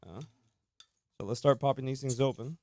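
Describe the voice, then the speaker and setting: A man's voice: mid-range voice, normal speed, warm tone, dry recording. A man hosting a casual podcast, talking in laid-back slangy banter with his guests. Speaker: podcast host. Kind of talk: casual chat. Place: small studio room with guests.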